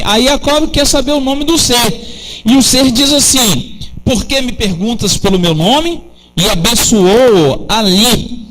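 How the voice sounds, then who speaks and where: Slow high-voiced male preacher. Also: bright, forceful tone, low-quality recording. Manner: slow, explanatory teaching with rhetorical questions. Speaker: rabbi preaching. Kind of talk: sermon.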